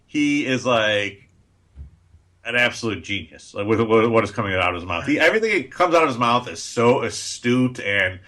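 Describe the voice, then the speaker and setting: A man's voice: mid-range voice, animated, normal speed, sharp tone. A man hosting a casual sports podcast, blunt and opinionated, steering the segments. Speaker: podcast host.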